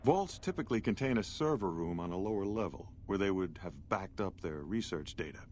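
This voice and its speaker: A pompous, condescending scientist from a video game. His voice sits slightly low, and he talks down to the listener in formal, self-important phrases. There is faint background noise. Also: animated, brisk, darkish tone. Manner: pompous, formal, rhetorical diction. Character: pompous, condescending male scientist, director of operations. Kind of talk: video game character dialogue. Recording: noisy game audio with background ambience.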